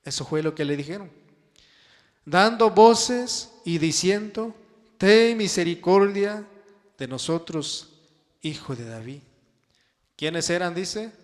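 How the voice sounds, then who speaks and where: A man preaching a sermon and reading scripture, drawing his phrases out with emphasis and sudden soft drops. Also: fairly high pitch, lively intonation, unhurried. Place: church hall. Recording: long church-hall reverb.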